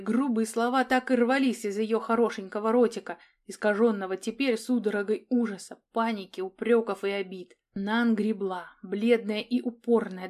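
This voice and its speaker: Woman, audiobook narrator, expressive, dramatic reading, medium pitch.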